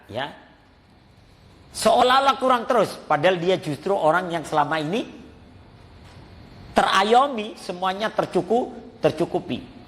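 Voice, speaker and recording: A male preacher delivers a storytelling sermon and acts out the voices of his characters. His voice sits fairly high for a man. It rings with the long reverb of a mosque hall. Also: a bit bright. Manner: storytelling, acts out quoted voices, addresses listeners as Pak.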